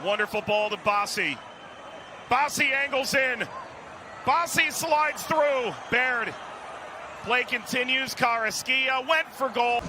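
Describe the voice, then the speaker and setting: High-voiced man calling live soccer. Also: slow, long pauses. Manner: clipped phrases, calling players' names. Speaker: play-by-play commentator. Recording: loud stadium noise behind commentary. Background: noisy stadium ambience.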